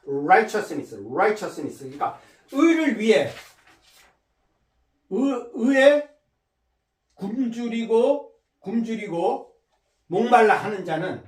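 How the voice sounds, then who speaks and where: High, lively male teacher in a roomy space. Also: distant mic. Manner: explains slowly, drills pronunciation by repeating words. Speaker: English teacher. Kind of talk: online lecture on Bible verses in English.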